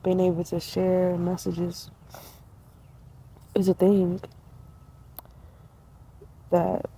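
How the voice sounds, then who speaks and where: A woman in her twenties, a vlogger, sits up in a tree outdoors and talks in a laid-back, reflective way, slangy and spiritual, laughing often. Her fairly low voice is warm and slightly rough, monotone and extremely slow, and the audio quality is poor.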